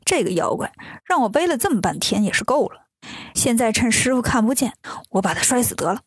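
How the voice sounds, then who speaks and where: A woman's voice: a little high, very animated, brisk, husky, no room sound, clean studio sound. A woman voicing a clever, cheeky male monkey king in a children's story, talking in a teasing way. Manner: teasing, playful.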